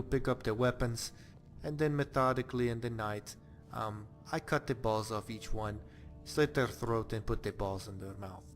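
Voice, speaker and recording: An actor playing a blunt, bloodthirsty male Nord warrior exile in a game, talking about violence in a deadpan, matter-of-fact way. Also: medium pitch, natural voice. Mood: grim, deadpan. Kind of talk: game character monologue.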